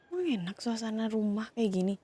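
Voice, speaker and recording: A woman in a whispered role-play, calmly scolding and soothing two siblings who have been fighting. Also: fairly high pitch, brisk, husky. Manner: scolding yet soothing, questioning. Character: woman calming partner and his younger sibling fighting. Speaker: ASMR roleplay creator.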